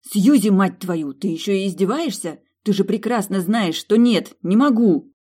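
Angry, loud young woman trapped in a bathroom, voiced by a female audiobook reader; raised pitch, shouting. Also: lively intonation, moderate pace, husky. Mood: furious. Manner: shouting, indignant.

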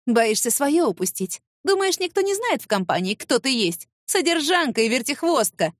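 A woman's voice: high voice, big pitch swings, normal speed, no echo, clean studio sound, voice pushed up. A woman voicing a spiteful, catty young female office rival who sneers and hurls accusations.

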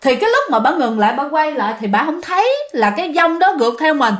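A woman tells a ghost story in a casual, chatty way. She speaks straight to her listeners, and her voice sits slightly high. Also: sing-song, quick pace. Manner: chatty, addresses listeners directly.

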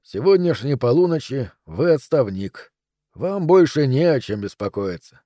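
A man's voice: mid-range voice, big pitch swings, moderate pace, dark tone, no echo, close to an everyday voice. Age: adult man. Figure: a man doing a dry, teasing detective. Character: male detective, sharp, teasing, young adult.

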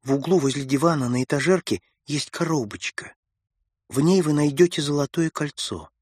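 A man voicing a ghostly lady in an old-fashioned dress, speaking low, hushed and plaintive in an audiobook. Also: normal speed, husky, no room sound, clean studio sound. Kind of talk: audiobook character voice.

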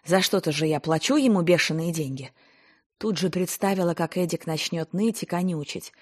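Husky woman reading a novel. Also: lowish voice, normal speed. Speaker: audiobook narrator. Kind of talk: scripted narration.

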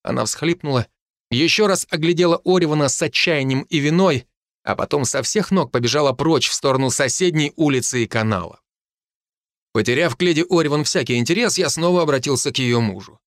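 A man giving a steady, scripted first-person narration of an audiobook. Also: fairly high pitch, a little fast, no room sound, studio quality.

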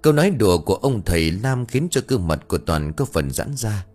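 A man narrating an audiobook horror story in an expressive, dramatic storytelling manner. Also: on the low side, fairly quick, faint music behind.

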